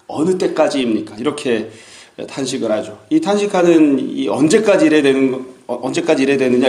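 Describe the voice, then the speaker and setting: Calm Korean man preaching in a roomy space. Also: medium pitch. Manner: calm, explanatory preaching with rhetorical questions. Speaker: pastor. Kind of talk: sermon on a psalm.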